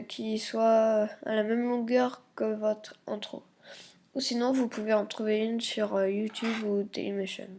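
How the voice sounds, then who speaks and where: Slow, gravelly woman hesitantly explaining software. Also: on the high side. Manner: hesitant, many fillers and self-corrections, muttered asides. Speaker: YouTube tutorial maker. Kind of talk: screen-recording software tutorial.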